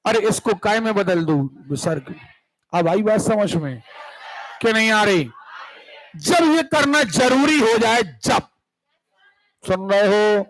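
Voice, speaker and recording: A man's voice: high voice, expressive, slow, pauses often, poor audio. A man teaching a Hindi grammar class, explaining word by word and often checking whether the students follow. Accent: central Indian Hindi. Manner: keeps checking the class with "clear hai?" and "sun rahe ho?". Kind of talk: classroom lecture.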